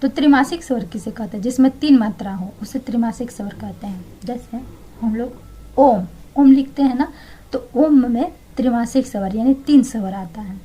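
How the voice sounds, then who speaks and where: A woman's voice: fairly high pitch, a little fast, mellow, breathy edge, rough recording. A young woman teaching exam answers, explaining each one and then repeating it to check understanding.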